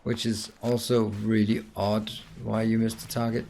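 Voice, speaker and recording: A man's voice: lowish voice, level tone, normal speed, creaky, a little mellow, a little hiss or hum. A man playing a puzzle game blind, muttering his reasoning aloud and mocking himself. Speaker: gaming video host.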